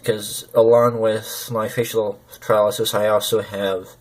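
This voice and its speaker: A man talking personally to camera, hesitant and halting, with slurred lip consonants as if numb from the dentist. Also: on the low side, flat delivery, poor audio. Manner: hesitant, halting, searching for words. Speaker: gaming video creator.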